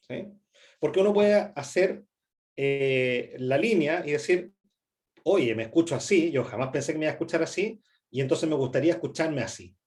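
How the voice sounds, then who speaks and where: Middle-aged Chilean male instructor, slightly high voice, chatty workshop delivery, constant check-ins and fillers. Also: a little mellow. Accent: Chilean Spanish. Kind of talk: presentation skills workshop talk.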